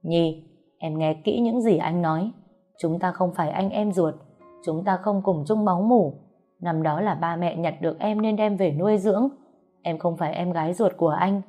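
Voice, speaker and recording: Earnest young man confessing, voiced by a woman narrator; slow, low and mellow, soft music behind. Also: natural voice.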